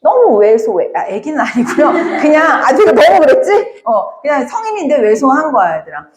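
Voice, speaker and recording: A woman teaching a Korean literature class, lively and talking straight to her students, now and then acting out the characters' lines. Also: sits high, normal speed, reverberant. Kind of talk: classroom lecture.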